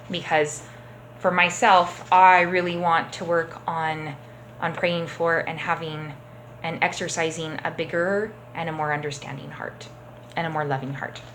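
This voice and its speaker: A woman teaching a children's church class, telling a story gently and often checking in with the kids. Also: fairly low pitch, slight background noise, rough recording. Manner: gentle, encouraging, checks in with "okay?".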